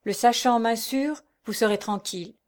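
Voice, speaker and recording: A woman voicing a gentle male village priest who speaks calmly and solemnly. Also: a little high, moderate pace, natural voice. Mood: consoling. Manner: calm, consoling, solemn.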